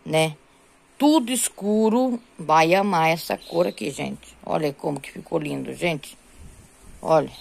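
A woman's voice: deep voice, gravelly, darkish tone. A middle-aged Brazilian woman chatting casually in a home crochet vlog, showing her rugs and counting rows aloud. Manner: chatty, repeats "gente" and "tá bom" constantly. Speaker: crochet vlogger.

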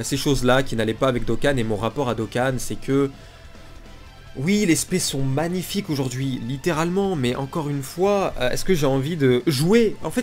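A man's voice: medium pitch, darkish tone. A man with a blocked, nasal, congested voice, giving blunt, casual, unscripted gaming commentary. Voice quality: nasal, blocked-nose sound. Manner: blunt, informal griping. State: congested from pollen allergy. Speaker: gaming video creator. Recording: music behind the voice. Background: music.

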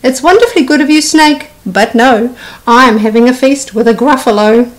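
A woman's voice: a little high, moderate pace, lightly acted, poor audio. A woman voicing a small, polite but boastful mouse in a children's storybook. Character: small, cheeky, confident brown mouse, polite trickster.

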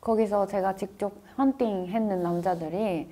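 A woman in her twenties from Japan with a Japanese accent in Korean, chatting casually in halting, simple non-native phrasing. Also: medium pitch, steady tone, warm tone. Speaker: interviewee in a reaction video. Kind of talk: casual chat.

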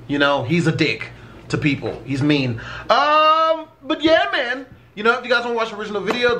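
A man's voice: high-pitched, sharp tone, a little hiss or hum. A man hosting a casual reaction video, rambling and swearing freely as he talks. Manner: rambling, profane, easily set off. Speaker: YouTube reaction host.

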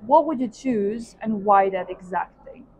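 A young woman hosts a casual walk-and-talk interview as she strolls through a large indoor hotel hallway and walkway. Her voice is medium-pitched, unhurried and a little mellow, with clearly noisy hallway ambience in the recording.

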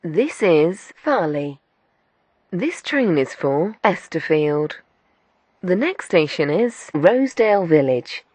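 A woman voicing a scripted train announcement as a formal onboard announcer, with measured delivery. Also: lowish voice, big pitch swings, darkish tone, slightly rough, heavily acted. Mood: formal, neutral.

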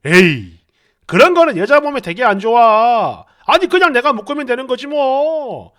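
A man's voice: extremely high pitch, sing-song, moderate pace, fairly bright tone, exaggerated voice. A woman voicing a teasing, smug husband who laughs while he talks. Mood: casual. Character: smirking prankster husband, teasing, chuckling.

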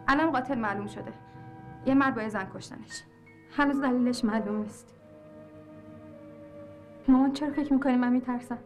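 An actress playing an anxious young nurse in a film scene, talking earnestly and insistently, at times defiant and scornful. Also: female voice, sits high, close to an everyday voice. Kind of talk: film dialogue.

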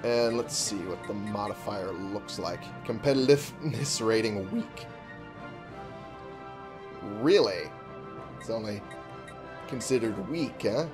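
A man giving casual, informal gameplay commentary as a host, thinking out loud, reading on-screen text and swearing freely. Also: lowish voice, expressive, takes it slowly, pauses often, music in the background. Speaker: video game let's-play host.

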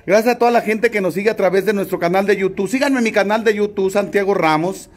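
A man's voice: sits high, quick pace. A man hosting a casual livestream, jovially greeting viewers by name and teasing the locals. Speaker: vlogger and livestream host.

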